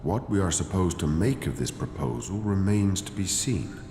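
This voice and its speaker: A man's voice: sits low, animated, normal speed, background noise. An actor playing a stern, haughty male cleric leader in a video game, speaking formally and condescendingly. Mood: formal, measured. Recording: echoey hall reverb, music underneath.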